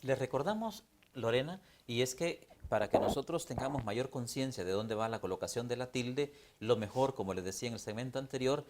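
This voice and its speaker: A man's voice: medium pitch, animated, brisk, a little mellow, a little hiss or hum. A Honduran man with a mid-range voice co-hosts an educational TV lesson. He talks formally and directly to the viewers, recorded close on a studio mic. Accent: Honduran Spanish. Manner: formal, addresses the audience. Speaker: teacher co-host.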